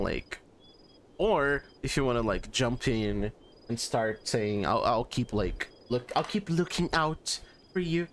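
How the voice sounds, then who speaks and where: A man's voice: mid-range voice, a little hiss or hum. A man streaming, chatting casually in a rambling, stammering, upbeat way. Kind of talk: casual chat.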